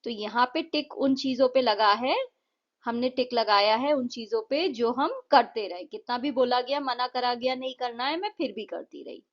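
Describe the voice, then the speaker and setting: A woman with an Indian accent, teaching an English lesson and explaining a poem in simple, patient steps, reading English lines aloud slowly. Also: on the high side, lo-fi sound.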